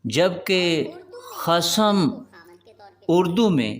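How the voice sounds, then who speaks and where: Lively high-voiced male teacher, echoey room. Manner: lists words slowly, stressing each one. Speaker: Quranic Arabic teacher. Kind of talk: scripted lesson narration.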